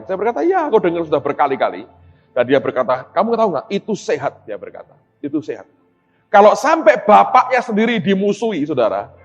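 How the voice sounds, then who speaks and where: A middle-aged man preaching a sermon, telling stories and acting out conversations while addressing the congregation directly. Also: high voice. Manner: animated storytelling, acts out dialogue, addresses audience as "saudara". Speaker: pastor. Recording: dull sound in a reverberant hall.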